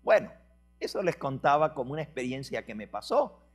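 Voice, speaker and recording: A man preaching a sermon, explaining word meanings slowly and telling a story with acted dialogue. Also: mid-range voice, big pitch swings, breathy edge, faint music behind.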